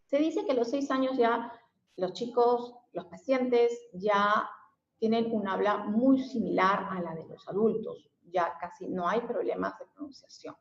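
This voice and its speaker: A Mexican woman teaches an explanatory lesson as a special education teacher, frequently using fillers and tag questions. Her voice sits in the mid range and moves a little slowly. The audio is dull and lo-fi, captured in an echoey room with slight background noise.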